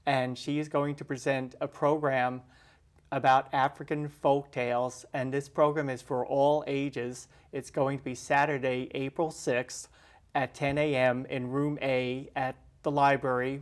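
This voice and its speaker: A man introduces a guest on a local library program. He speaks politely, with pauses and fillers as he asks questions. His pitch sits in the middle range. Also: level tone. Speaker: librarian and show host. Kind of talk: hosting an interview.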